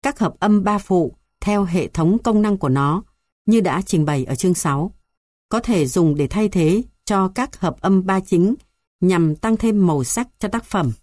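Woman reading a textbook out loud, kinda low voice, steady and measured, dry close sound. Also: dry recording. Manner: even, measured reading of numbered points. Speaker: textbook reader. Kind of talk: read-aloud music theory textbook.

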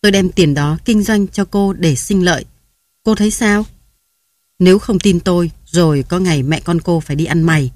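A woman's voice: on the low side, a little mellow, no echo, lightly acted. Lady reading as a pushy schemer guy, talking her into it, dry close sound. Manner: persuasive, pressing. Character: scheming middle-aged man pushing a grieving wife.

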